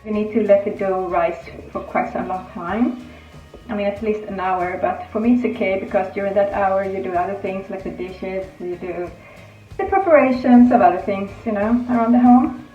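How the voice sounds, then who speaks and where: A Greek-born woman raised in Sweden casually chats through each step of her baking in her home kitchen, as a home cooking vlogger would. Her mid-range voice has a dark tone and moderate pace, with the highs cut off. The room is echoey, and faint music plays.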